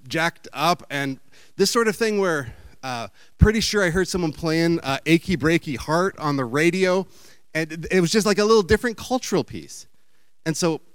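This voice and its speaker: Guy rambling through a story talk, kinda high smooth voice, super dry sound. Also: no room sound. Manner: chatty, meandering, playful. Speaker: speaker giving a talk.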